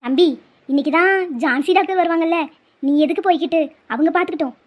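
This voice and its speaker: A woman's voice: extremely high pitch, quick pace. A woman voicing a stubborn, emotional middle-aged cartoon mother who pleads and guilt-trips. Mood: pleading. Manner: pleading, melodramatic, guilt-tripping. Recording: muffled lo-fi audio.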